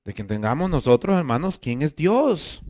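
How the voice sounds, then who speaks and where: Male pastor, voice sits a bit high, fervent preaching with big swings from loud to quiet. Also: very animated, moderate pace. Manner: emphatic preaching, swinging between loud exclamations and quiet asides; keeps addressing listeners as brother. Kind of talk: sermon.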